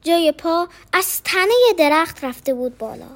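A woman reading a children's story aloud in a playful, expressive way. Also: very high-pitched.

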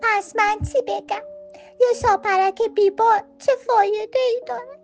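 A woman's voice: steady tone, soft background music. A woman voicing a little butterfly who calls out shrilly. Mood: glum. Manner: shrill calling out. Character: alert little butterfly, bossy and loud.

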